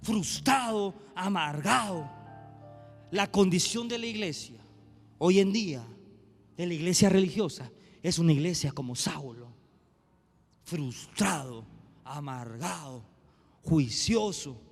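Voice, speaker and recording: A man preaching a sermon as pastor, dropping to quiet asides and rising to shouted passages. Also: fairly high pitch, lively intonation, slow pace, pauses often. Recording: long hall reverb, faint music behind.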